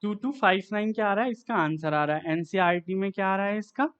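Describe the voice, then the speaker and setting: A man's voice: sits high, quick pace, fairly bright tone, clean tone, muffled recording. A man teaching a maths lesson, working through sums aloud step by step and asking himself each next step.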